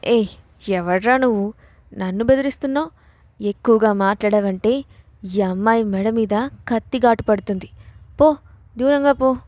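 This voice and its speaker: A slurring drunk man, whiny and mock-sweet, his talk dragging and sappy, as a woman storyteller puts him on. The voice sits a little lower than her own and rings dry and close. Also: normal speed, pauses often, darkish tone, dry recording, close to an everyday voice. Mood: threatening.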